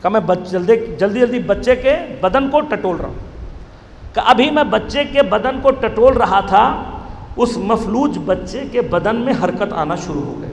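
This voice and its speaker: Man, preacher, emotional storytelling sermon, impassioned outbursts, roomy hall reverb, faint background noise. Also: extremely high pitch. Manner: dramatic, builds to loud impassioned outbursts.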